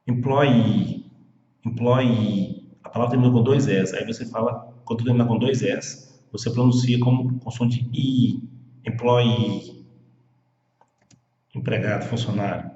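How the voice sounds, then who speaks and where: A man who speaks Portuguese natively, teaching an English pronunciation lesson and repeating words slowly and patiently. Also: medium pitch, fairly even intonation, warm tone. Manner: slow, repetitive drilling of words. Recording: echoey room, dull lo-fi sound.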